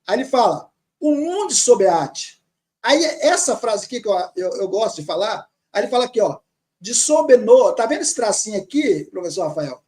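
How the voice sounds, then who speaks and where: A man teaching grammar, reading words slowly from a text and repeating them patiently. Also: high voice, sing-song, darkish tone. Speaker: teacher of Syriac Aramaic.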